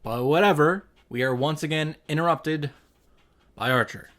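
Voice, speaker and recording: A man hosting a visual novel reaction series gives an informal, wry recap full of running commentary. His voice is a little high and fairly bright, at a moderate pace, with music playing behind him.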